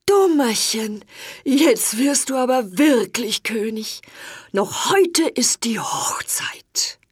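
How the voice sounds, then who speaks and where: A woman's voice: expressive, slightly rough, no room sound, clean studio sound, full character voice. A woman voicing an old, weak and kindly king and father from a fairy tale, drawing out his words in a raised voice. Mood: joyful. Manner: slow, drawn-out, raised pitch.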